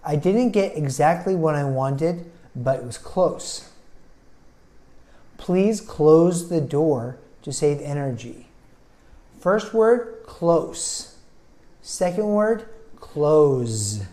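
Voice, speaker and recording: A man teaching English pronunciation, speaking slowly and deliberately and sounding words out syllable by syllable. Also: fairly high pitch, lively intonation, dark tone.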